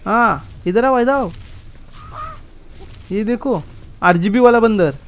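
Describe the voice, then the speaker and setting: A man streaming a mobile survival game, chatting casually and firing off repeated excited commands to his teammates. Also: high-pitched, slow pace. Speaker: gaming streamer. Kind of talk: casual gameplay chat.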